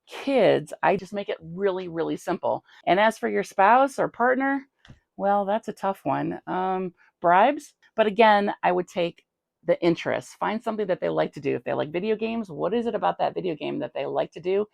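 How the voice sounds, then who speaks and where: Woman, gravelly fry, lowish voice, chatty game master vlog, dry close sound. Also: animated, moderate pace, no echo. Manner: chatty, conversational, thinking aloud. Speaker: tabletop game master and channel host. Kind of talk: casual vlog reply to a viewer question.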